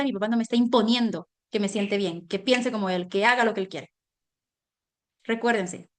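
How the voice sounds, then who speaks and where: Woman doing a parenting class online, bit high voice, keeps checking in with the parents. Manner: animated, addresses parents directly with frequent check-ins. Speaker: parenting lecturer.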